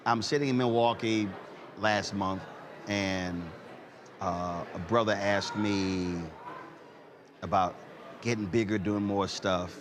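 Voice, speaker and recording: Crowd noise surrounds this talk show host, a man in his fifties whose lowish, steady voice takes things slowly with frequent pauses. He leads a conversational interview full of personal anecdotes, speaking emphatically and repeating words to build his point.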